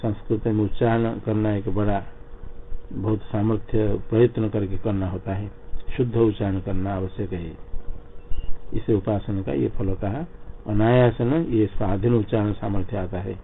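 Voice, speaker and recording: A man teaching scripture as a lecture. He recites each verse slowly and then explains it word by word. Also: lowish voice, level tone. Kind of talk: line-by-line scripture commentary lecture. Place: ashram classroom. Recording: phone-like lo-fi recording with faint noise.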